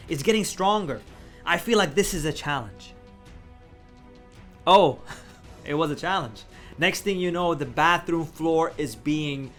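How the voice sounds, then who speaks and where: A vlogger tells the story of a mishap in a relaxed, animated way, laughing often and acting out how he reacted. His voice is a little high for a man, and faint music plays in the background.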